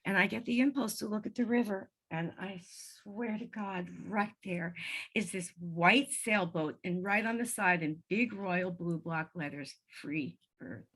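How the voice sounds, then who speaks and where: A woman in her seventies, a guest on an interview show, telling a personal story in a lively conversational way and acting out the voices she quotes. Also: mid-range voice, measured pace, slightly rough. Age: 70s. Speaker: guest, medium.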